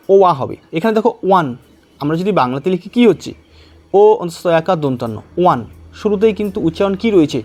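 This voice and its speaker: A man teaching an exam-prep lesson, explaining patiently step by step, asking questions and reading example sentences slowly. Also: high voice, a little mellow.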